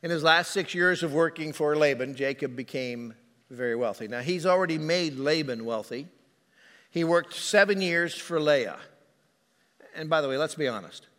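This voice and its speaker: A man's voice: a little high, moderate pace, a bit bright, in a large hall. A male pastor preaching a sermon in a conversational, storytelling manner.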